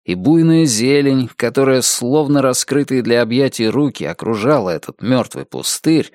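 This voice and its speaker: A man reading a novel aloud as an audiobook narrator, in a measured, deliberate way. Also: mid-range voice, lively intonation, a little mellow, no echo, studio quality. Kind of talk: scripted narration.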